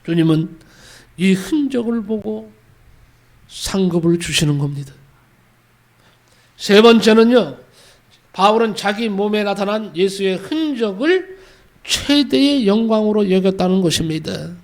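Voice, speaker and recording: A man's voice: high voice, a little slow, pauses often. A male pastor preaching a sermon, who tells a story and leads the congregation in repeating phrases after him.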